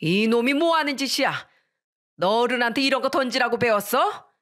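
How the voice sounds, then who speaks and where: Shrill scolding old mother-in-law, read by a woman narrator, loud and slow. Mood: indignant. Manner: scolding, yelling. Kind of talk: storybook reading.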